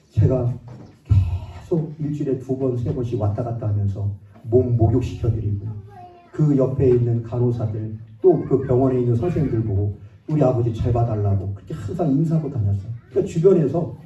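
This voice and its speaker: A male pastor preaching a sermon in a church, telling personal stories in a conversational way and speaking directly to the congregation. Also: medium pitch. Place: church sanctuary. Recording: roomy church sound from a distance, muffled.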